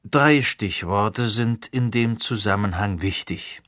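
A man doing a calm lecturing teacher. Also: on the low side, slow pace, no room sound, clean studio sound. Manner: composed, lecturing. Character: calm lecturing male teacher, middle-aged.

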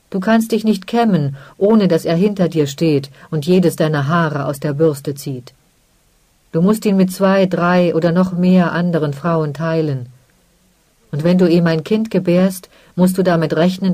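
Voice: mid-range voice, dark tone, no echo, close to an everyday voice. A reader voicing a blunt, worldly older merchant who scolds his daughter.

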